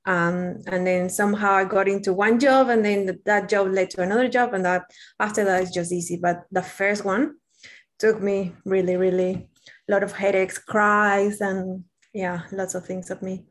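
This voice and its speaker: A young Peruvian woman speaks English with a Spanish accent, her first language showing through. She talks candidly and chattily as an interview guest, often poking fun at herself, in a medium-pitched voice. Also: steady tone, moderate pace. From Peru. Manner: candid, chatty, self-deprecating. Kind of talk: casual interview chat.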